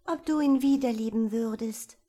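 A woman's voice: a little high, moderate pace, dark tone, pitched above the performer's own voice, close to an everyday voice. A woman voicing a shy, tearful young girl who speaks out bluntly, in a storybook reading. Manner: childishly outspoken, whiny.

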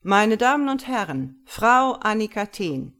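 A woman reading an audiobook voices a theatrical male stage magician announcing loudly to an audience. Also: medium pitch, big pitch swings, measured pace, voice pushed up.

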